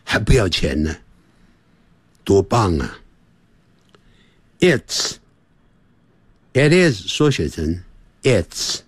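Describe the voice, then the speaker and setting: Husky man teaching English on the radio. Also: low voice, big pitch swings, no echo. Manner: drills phrases by repetition, slows right down to model sounds.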